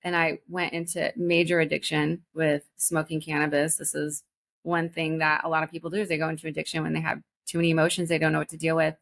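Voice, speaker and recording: A woman in her forties, a podcast guest telling a personal story in an earnest, halting way with many restarts. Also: deep voice, completely flat delivery, creaky, fairly bright tone. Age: 40s. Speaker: guest, spiritual teacher.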